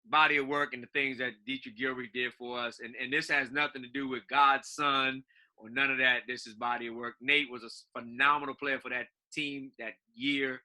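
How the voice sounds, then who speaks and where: A man's voice: medium pitch, flat delivery, brisk, bright, forceful tone. A man co-hosting a casual chat as a basketball coach, easygoing, laughing often and restarting his phrases.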